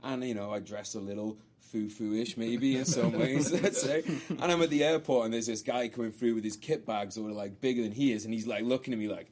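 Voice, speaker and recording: A man's voice: medium pitch, a little fast, hardly any pauses, a little mellow. A British man, a military veteran, chatting casually as a podcast host with plenty of swearing and self-deprecation. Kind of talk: casual chat.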